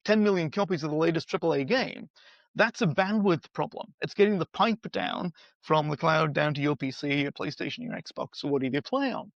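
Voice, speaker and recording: A middle-aged man speaking as a guest expert in a conversational podcast interview, animated and acting out quoted dialogue with playful voices. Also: fairly high pitch, fairly quick, creaky, no echo. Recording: slightly dull, dry sound.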